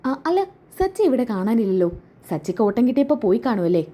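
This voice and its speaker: A scheming young woman feigns shock and concern, voiced by a woman. She sounds sly, pitched high and soft-toned, her surprise a little too eager. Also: big pitch swings, fast talker.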